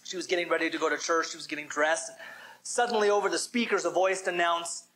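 A man's voice: a little high, steady tone, fast, a bit bright, a little hiss or hum, poor audio. A man preaching a sermon as pastor, emphatic and calling for responses from the congregation.

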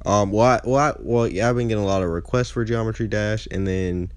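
He speaks fairly quickly in a smooth, fairly low voice, captured dry. This young man hosts a gaming channel and chats casually over gameplay while congested, sounding nasal and regularly losing his train of thought.

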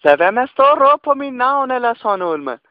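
Deadpan male prank caller, phone-filtered, dry. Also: extremely high pitch, dry recording. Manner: deadpan, nonsensical, repetitive. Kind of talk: prank call. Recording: tinny phone line.

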